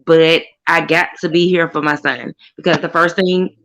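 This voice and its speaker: An earnest woman in her forties shares what she has been dealing with in a relaxed group stream chat. She talks plainly and circles back on her phrases while she opens up. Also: deep voice, moderate pace, poor audio. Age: 40s. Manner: earnest, repeats herself, opens up about hardship. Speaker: guest caller on a group stream. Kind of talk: emotional casual chat.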